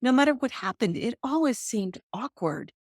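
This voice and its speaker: A woman hosts a podcast, telling personal stories in a chatty, self-deprecating monologue with lively jumps in pitch. She speaks at a moderate pace, and the clean studio recording has no room sound.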